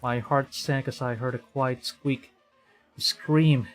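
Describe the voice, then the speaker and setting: A Filipino male VTuber streamer comments on a live game playthrough, reading visual novel text aloud over soft background game music. His mid-pitched voice is unhurried and halting, with fairly even intonation, as he thinks aloud and stumbles over the lines he reads.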